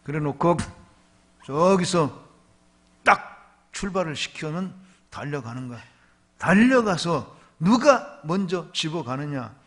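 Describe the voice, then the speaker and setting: A pastor preaching at a revival meeting, telling a story with lively delivery and questioning the congregation. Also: male voice, a little high, slow pace, pauses often. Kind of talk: revival sermon.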